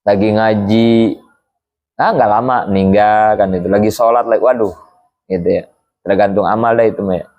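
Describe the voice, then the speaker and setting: A man's voice: lowish voice, steady tone, normal speed, long pauses, lo-fi sound. A man teaching an Islamic study lecture in a conversational way, acting out the pleading cries of the dying. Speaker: religious teacher.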